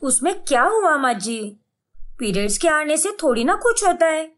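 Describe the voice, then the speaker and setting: A woman's voice: high-pitched, big pitch swings, moderate pace, fairly bright tone. A woman voicing a sly, complaining young daughter-in-law in a cartoon story. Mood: pleading. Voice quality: whiny, sarcastic.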